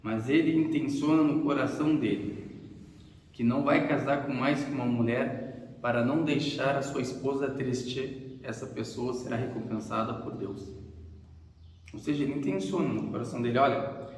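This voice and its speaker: A man delivers an earnest, storytelling sermon, repeating phrases and acting out short quoted lines. His voice sits at an ordinary pitch. It rings through a large reverberant hall, picked up from well away from the mic. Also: moderate pace, a little mellow, a little hiss or hum. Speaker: preacher. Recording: echoey hall, far from the mic.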